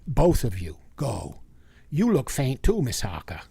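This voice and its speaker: A man playing a grave, commanding older professor and vampire hunter in old-time radio drama style, deliberate and insistent. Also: medium pitch, huge pitch swings, gravelly, dark tone, slightly rough, no echo, exaggerated voice. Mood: gentle, firm. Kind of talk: 1940s radio acting.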